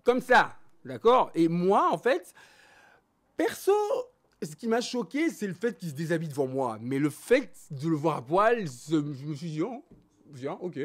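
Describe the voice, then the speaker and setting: Animated Congolese-raised man, lively voice. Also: on the high side, unhurried. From born in Belgium, raised in Congo. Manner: animated, emphatic, switching between French and Lingala. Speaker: interview guest. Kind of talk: candid personal interview.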